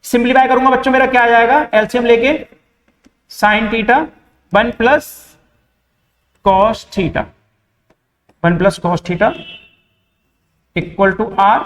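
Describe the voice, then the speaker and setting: A man's voice: extremely high pitch, takes it slowly, long pauses, fairly bright tone. A young man teaching a math class with an Indian accent, asking the class questions and answering them himself. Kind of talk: board-exam math lesson. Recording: echoey room with long reverb.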